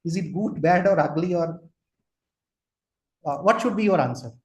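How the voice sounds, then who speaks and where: A trainer from Kolkata, in his forties, lectures online in Indian English, asking the audience questions and dropping into Hindi now and then. He speaks at a normal pace in a fairly high voice, with room echo audible.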